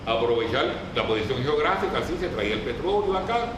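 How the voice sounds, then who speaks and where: A man's voice: medium pitch, expressive, a little fast. Echoey, distant Puerto Rican man lecturing. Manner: didactic, colloquial, puts questions to listeners. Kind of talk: informal political history talk to a group. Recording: very echoey room, distant mic, clear noise.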